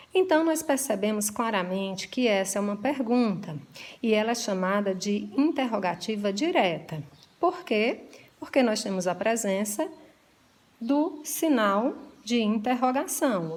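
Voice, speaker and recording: A woman teacher, explaining grammar in a home-made lesson with deliberate emphasis on examples. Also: a little high.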